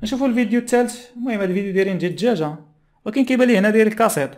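A young man with a Moroccan accent giving casual, halting reaction commentary in Moroccan Arabic dialect as a channel host, close on a desk microphone. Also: high voice, darkish tone. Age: young adult. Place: small plain room indoors.

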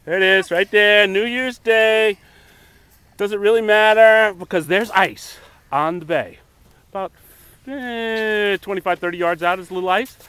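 A man's voice: high-pitched, unhurried, sharp tone, clear, resonant tone, no echo. A middle-aged man giving casual, jokey running commentary outdoors, close to a handheld camera. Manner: jokey, egging on. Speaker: host filming a cold plunge. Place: outdoors by a bay. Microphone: handheld camera held close.

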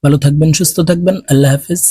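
A man with a Bangladeshi Bengali accent, teaching Quran letter sounds by slowly chanting syllables and then explaining them plainly. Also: fairly high pitch, fairly even intonation, mellow, breathy edge, dry recording. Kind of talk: slow drilled recitation lesson.

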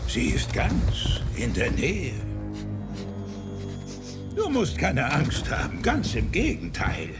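An actor voicing a sinister, commanding rat overlord in an animated film, speaking coaxingly as a telepathic voice inside the listener's head. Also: male voice, fairly high pitch, takes it slowly, long pauses, exaggerated voice. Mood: smug, menacing. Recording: music under the voice.

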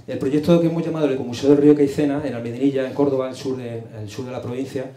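A middle-aged man from Madrid presents his project in a meeting room, speaking into a handheld microphone. His voice is mellow and low-key, and his talk is chatty and self-deprecating. The room adds a noticeable echo. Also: steady tone, racing, slight background noise. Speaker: project presenter at rural culture forum. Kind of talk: conference presentation. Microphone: handheld mic.

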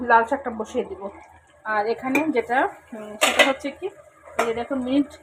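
Hoarse woman narrating home cooking. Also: fairly high pitch, normal speed. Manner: talks viewers through each step, mixing in English words. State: hoarse, throat trouble. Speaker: cooking channel host. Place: home kitchen. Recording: sizzling pan noise behind.

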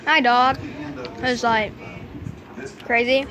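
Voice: mid-range voice, fairly even intonation, slow, crowd noise. A young person joking and teasing in casual chat with family in a bedroom at home.

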